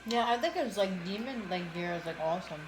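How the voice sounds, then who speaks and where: A woman's voice: medium pitch, lively intonation, quick pace, background noise. A woman chatting informally as she co-hosts an eating show, repeating phrases in a loose, casual way. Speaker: mukbang co-host. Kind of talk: casual chat while eating, answering viewers. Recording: roomy, echoey indoor sound.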